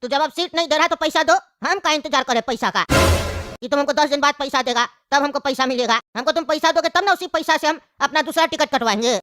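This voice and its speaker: A woman's voice: high-pitched, fast talker, a bit bright, dry recording. A woman voicing a hot-tempered elderly grandfather who rants and scolds in a cartoon comedy. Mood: indignant.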